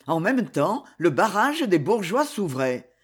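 An audiobook narrator reading a dramatic novel with expressive storytelling. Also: mid-range voice, takes it slowly, breathy edge.

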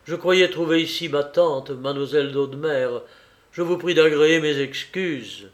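A man's voice: a little high, normal speed, natural voice. A man doing an earnest young nobleman. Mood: polite.

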